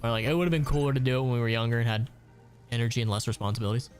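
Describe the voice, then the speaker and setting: A man's voice: medium pitch, very fast, soft background music. Rambling, foul-mouthed man streaming. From Ohio. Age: late 20s. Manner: rambling, profane storytelling. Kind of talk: casual chat while gaming.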